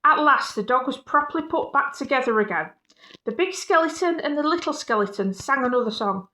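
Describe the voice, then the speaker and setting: A woman reading a children's picture book aloud in an animated way, with casual, playful, apologetic asides. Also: high voice, brisk. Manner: playful, self-interrupting, apologetic.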